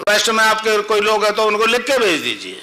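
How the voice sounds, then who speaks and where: A man's voice: high voice, big pitch swings, a little fast, sharp tone, low-quality recording. An older man, a spiritual teacher giving a discourse to a live gathering, explaining with repetition and chanting mantras rhythmically. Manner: explains with repetition and questions to the crowd.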